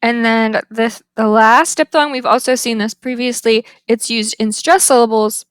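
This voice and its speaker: A woman giving a phonetics lecture over slides, deliberately spelling out example words one at a time. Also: a little high, steady tone, clean tone, no room sound. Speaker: phonetics instructor.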